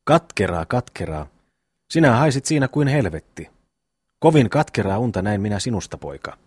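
A man's voice: fairly low pitch, sing-song, darkish tone, husky, no room sound, studio quality. A man voicing a brash, bossy eldest peasant brother in a classic audiobook reading. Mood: blustering. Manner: bossy, quick to scold.

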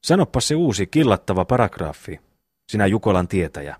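A man voicing a loud, hot-tempered eldest brother who gives orders and blusters in an audiobook reading. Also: fairly low pitch, sing-song, slightly rough, dry recording, studio quality. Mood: blustering. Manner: blustering, commanding.

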